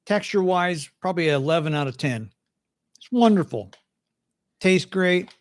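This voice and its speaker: A man's voice: sits high, expressive, moderate pace. An older man hosting a casual livestream chat from home, folksy and chatty, often restarting his sentences. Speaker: host.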